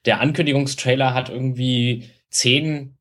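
A man's voice: medium pitch, fairly even intonation, moderate pace, fairly bright tone. A man co-hosting a podcast, giving opinions in casual chat. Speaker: podcast co-host.

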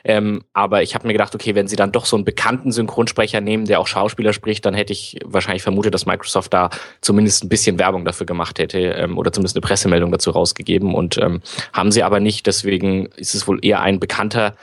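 A man's voice: low-pitched, little pitch movement, fast, dry recording, studio quality. A man on a gaming podcast, rambling through long casual explanations.

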